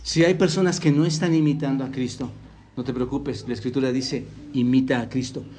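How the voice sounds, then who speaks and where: A man's voice: medium pitch, fairly even intonation, brisk, a little mellow. A man from Mexico preaching a sermon as pastor, earnestly quoting scripture and putting questions to the congregation. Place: church hall.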